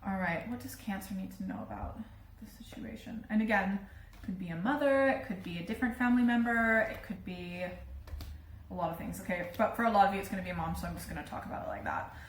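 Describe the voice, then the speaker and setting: A woman's voice: mid-range voice, quick pace, reverberant. A woman with a British accent giving a casual tarot reading, talking in a chatty way with many fillers. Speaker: tarot reader.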